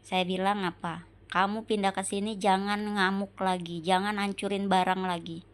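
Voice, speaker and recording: A woman in an emotional monologue to her husband, slow and repetitive, pleading with rhetorical questions. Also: medium pitch, little pitch movement. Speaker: wife venting on camera.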